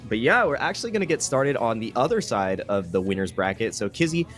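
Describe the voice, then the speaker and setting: A man commentating a fighting game tournament, jokey and quick to laugh. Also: mid-range voice, soft background music. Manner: laughs often, jokey and excitable. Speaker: esports commentator.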